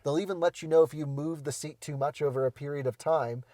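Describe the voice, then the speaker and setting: A man's voice: a little high, fast, dry recording, clean studio sound. A man in a casual car review, bluntly criticizing materials and build quality from inside a parked car. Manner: blunt, opinionated, animated critique. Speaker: co-host reviewing cars.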